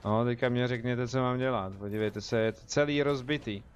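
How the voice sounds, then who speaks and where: A man's voice: mid-range voice, fairly even intonation, dull audio, a little hiss or hum. A young man with a Czech accent, chatting casually as he streams a game and jokes with his viewers. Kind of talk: casual live gameplay commentary.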